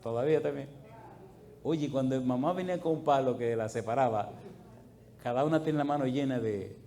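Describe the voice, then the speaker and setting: A middle-aged male pastor preaching a sermon through lively, colloquial anecdotes, breaking into loud, high bursts. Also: moderate pace, slight background noise. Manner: animated, colloquial storyteller who swings into loud, high bursts. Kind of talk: storytelling sermon.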